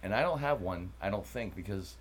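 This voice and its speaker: A man's voice: on the low side, animated, fairly quick. A man co-hosting a podcast in casual, joking chat with a mid-Atlantic American accent, rambling and playful. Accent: mid-Atlantic American with Midwestern bits. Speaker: podcast co-host.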